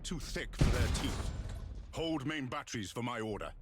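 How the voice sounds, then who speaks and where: An actor playing a stern, imperious naval captain, commanding and grandiose in a dramatic video game. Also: male voice, medium pitch, animated, moderate pace, heavy background noise, natural voice. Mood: scornful resolve. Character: stern, imperious male fortress commander, resolute and scornful. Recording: loud game music behind.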